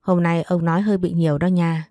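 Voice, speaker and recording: A friendly, talkative young man makes breezy offers, as a woman storyteller voices him. The voice is low and mellow. The recording is dry, with faint music. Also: little pitch movement, a little fast, no echo, lightly acted.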